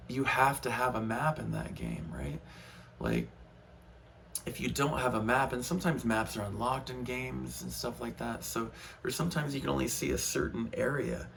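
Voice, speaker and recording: A man's voice: medium pitch, gravelly, slight background noise. A man in his thirties, a guitar teacher talking frankly and rambling in a casual lesson, heated at times.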